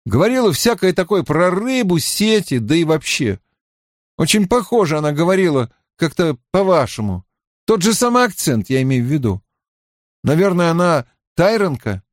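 An eager, insistent young man, as a male narrator plays him, pushing his voice higher with animated swings. He presses urgently and demandingly, heard close and dry in an audiobook. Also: moderate pace, dry recording. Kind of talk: audiobook character voice.

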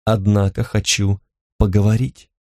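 A man's voice: on the low side, flat delivery, darkish tone, dry recording, clean studio sound. A man voicing a reserved young man who speaks curtly and coldly, in a storybook reading. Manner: curt, cold, measured. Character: cold, reserved young man seeking answers.

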